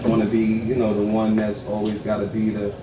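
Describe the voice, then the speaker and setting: A man chats casually as a panelist. His voice is on the low side. He sounds a bit far from the mic, with plenty of room echo and clear noise. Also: monotone, brisk.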